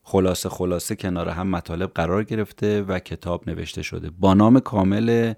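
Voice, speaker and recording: A man hosting a podcast, calmly summarizing a book for listeners in scripted narration. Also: deep voice, vocal fry, no room sound, clean studio sound. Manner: calm, explanatory, addresses listeners directly. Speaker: podcast host summarizing books.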